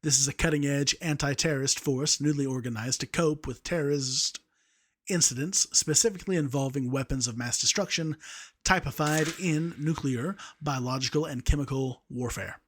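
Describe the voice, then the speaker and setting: A man's voice: medium pitch, normal speed. A young man reading a story aloud, amused by the text he narrates. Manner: amused, breaks off to laugh at the text.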